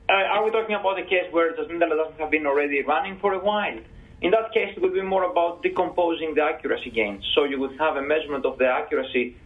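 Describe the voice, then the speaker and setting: A man on a panel explaining his answers to audience questions in a measured, careful way. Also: fairly high pitch. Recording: tinny phone-like sound.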